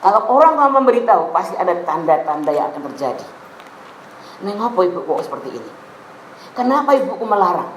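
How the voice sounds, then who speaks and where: A woman's voice: lowish voice, quick pace, a little hiss or hum. Javanese-accented woman pastor preaching. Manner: lively, mixing in local Javanese phrases. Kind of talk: sermon. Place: church hall. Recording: echoey room with faint ambience.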